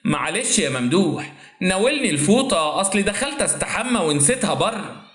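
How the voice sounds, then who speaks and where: A man voicing a scheming young stepmother in Egyptian Arabic, with shrill, histrionic outbursts. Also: big pitch swings, quick pace, a bit bright, echoey room. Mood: coaxing.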